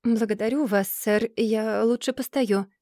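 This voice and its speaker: A woman's voice: on the high side, steady tone, unhurried, dark tone, no room sound, clean studio sound. A woman voicing a timid, humble young man who speaks meekly and politely, with a stammer.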